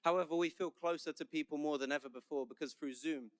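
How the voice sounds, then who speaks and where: A young man with a London English accent gives a senior commencement speech. He is chatty and joking, and his voice is smooth and resonant. The sound is dry, with little room echo. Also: fairly high pitch, steady tone, quick pace. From London, England. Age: young adult. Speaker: senior class speaker.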